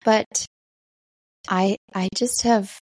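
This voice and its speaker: A middle-aged woman with a low morning voice, talking casually and reflectively in a personal solo check-in as a podcast host. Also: steady tone, drawn-out words, a little mellow, dry recording, studio quality. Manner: reflective, conversational.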